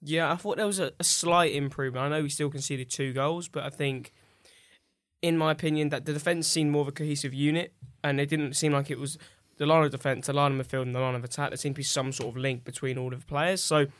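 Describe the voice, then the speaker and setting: A man's voice: fairly high pitch, steady tone, fast talker, a bit bright, dry recording, studio quality. A man giving opinionated football analysis on a fan podcast. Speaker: podcast panelist. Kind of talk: casual fan podcast chat.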